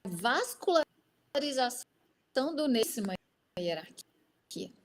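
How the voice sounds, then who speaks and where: A woman's voice: fairly high pitch, very animated, slow pace. A woman teaching a live online class, her voice breaking up with glitching, choppy audio over a remote call, stumbling over repeated words as she explains. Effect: glitching, choppy audio cutting out over a call. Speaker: manual therapy instructor. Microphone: remote call connection.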